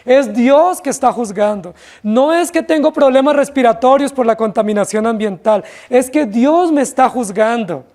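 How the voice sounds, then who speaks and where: A man, a pastor, giving an expository sermon in a church, with impassioned, drawn-out wailing cries and rhetorical questions. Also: very high voice, a little mellow. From Colombia.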